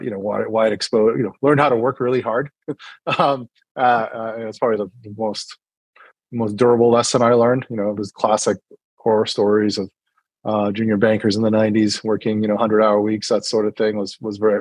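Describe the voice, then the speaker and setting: Appearing as an interview guest, this middle-aged New Hampshire man talks casually and haltingly, with lots of fillers and false starts. He has a lowish voice and an American accent with a partly British sound. The recording is low quality, without room sound.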